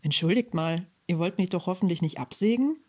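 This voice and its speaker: Lady reading a story doing a shy talking fir tree, soft rustly voice, dark and mellow, polite. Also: lowish voice, a little fast, slightly rough. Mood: worried. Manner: polite, pleading.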